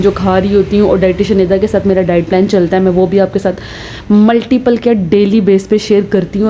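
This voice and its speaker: A woman's voice: medium pitch, warm tone. A woman, chatting directly to her viewers in a casual home vlog. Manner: chatty, talks straight to viewers. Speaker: lifestyle vlogger. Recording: noisy home recording.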